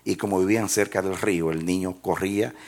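A man's voice: low-pitched, fairly even intonation, a little fast. A man preaching a sermon and telling a story to his congregation. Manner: storytelling, rising to shouted praise.

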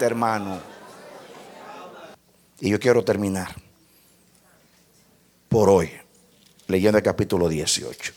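A man's voice: lowish voice, a little mellow. A man preaching a sermon, reading scripture aloud, acting out quotes, and stretching key words for weight.

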